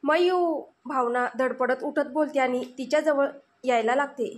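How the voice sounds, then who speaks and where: A woman storyteller giving steady, dramatic scripted narration of a tale. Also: high-pitched, normal speed.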